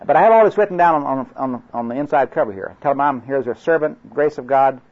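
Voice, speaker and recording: Fast and medium-pitched, this older man from Oklahoma talks in an Oklahoma accent. The evangelistic crusade class instructor tells stories and jokes in a drawl during a folksy training talk for class instructors, rambling and restarting many times. It's a dull lo-fi recording.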